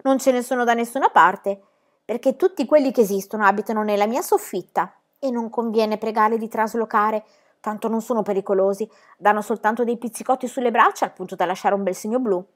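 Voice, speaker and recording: A woman voicing a bold, cheerful young girl who tells tall tales, in a loud, high-spirited, boastful manner. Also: steady tone, a little fast, close to an everyday voice.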